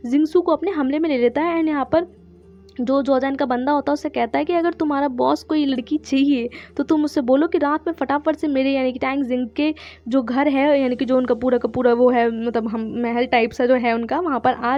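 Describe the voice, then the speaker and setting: Fast, high-voiced woman retelling a drama. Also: fairly even intonation, highs cut off. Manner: chatty, briefly quotes the characters' lines, lots of filler words. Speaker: channel host retelling a drama. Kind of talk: casual plot retelling.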